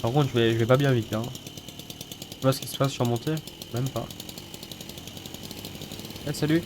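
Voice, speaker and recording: Over the noisy roar of a game car engine and rattling mechanical clatter, a man with a head cold delivers casual let's-play commentary, sweary and mock-grumbling. He's a gaming video host with a stuffy, sniffly nose, speaking in a mid-range voice with fairly even intonation at a moderate pace.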